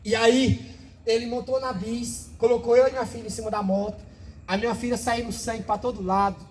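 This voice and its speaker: Man, church testimony sermon, very high voice, dark mellow tone, fervent and repetitive. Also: flat delivery, a little fast, rough recording. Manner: fervent, emotional storytelling with many repetitions. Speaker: preacher. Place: church service.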